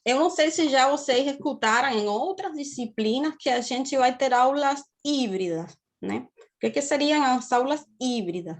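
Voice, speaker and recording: A thirty-something Cuban woman with a Cuban Spanish accent teaches a university lecture via video call, her voice high and her pace moderate. She explains things steadily and checks in with her students often. Many of her phrases end with the tag "né?".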